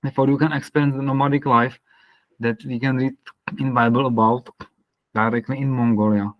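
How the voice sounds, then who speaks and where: Priest on a muffled call. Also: male voice, mid-range voice, steady tone, a little fast, no room sound. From Czech Republic. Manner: searching for words, soft laughs. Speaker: parish priest. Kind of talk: casual talk on a video call.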